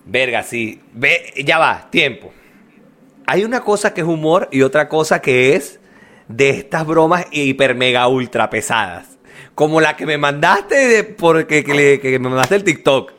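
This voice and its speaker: A man's voice: fairly high pitch, a little slow. A man with a Venezuelan accent, co-hosting a podcast in casual chat, telling stories animatedly and acting out the voices of the people in them. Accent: Venezuelan Spanish. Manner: animated storyteller, acts out quoted voices, laughs often. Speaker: podcast co-host.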